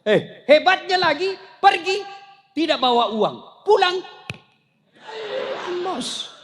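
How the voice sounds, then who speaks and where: Preacher, male, from South Sulawesi: very high-pitched, animated, jokey sermon delivery. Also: takes it slowly. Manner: animated storytelling, joking. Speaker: Islamic preacher. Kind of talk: humorous sermon.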